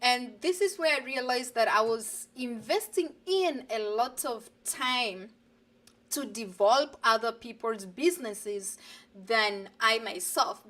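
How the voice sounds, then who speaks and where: A woman from Uganda speaks in a somewhat high voice. She is an earnest, lively guest in a live online chat, heard through a video call. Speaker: guest, digital business coach.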